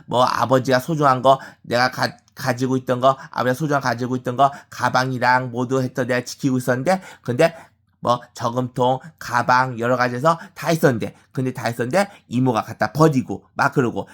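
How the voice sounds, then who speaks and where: A man talks on in a personal monologue, his voice at an ordinary middle pitch. He circles back over the same words and phrases again and again and stops to restart halfway through them. The speech is halting and rambling rather than steady. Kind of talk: personal monologue about family grievances.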